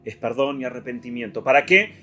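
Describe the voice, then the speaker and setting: A man with a Rioplatense Spanish accent preaching an Easter sermon, swinging from loud declarations to hushed lines. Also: mid-range voice, animated, fairly quick. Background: soft guitar music.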